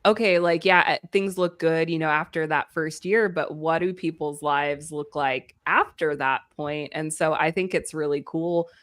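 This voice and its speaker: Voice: medium pitch, fairly even intonation, normal speed, hardly any pauses, fairly bright tone, no room sound. A podcast co-host in casual chat, encouraging and asking the guest follow-up questions.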